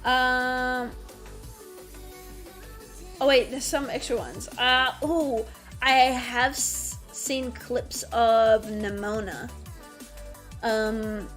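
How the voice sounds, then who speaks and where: A woman's voice: on the high side, fairly even intonation, extremely slow, long pauses, fairly bright tone, soft background music. A young adult woman with an Australian accent, chatting casually on a livestream, swearing freely and breaking off to scold her dog. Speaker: streamer.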